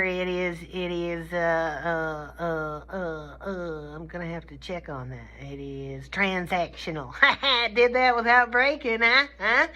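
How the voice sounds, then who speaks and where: On a low-quality recording, a woman with a mid-range voice and a sharp tone lectures a communication class. The talk is informal, folksy and comedic, playful and colloquial, and she keeps checking in with her listeners.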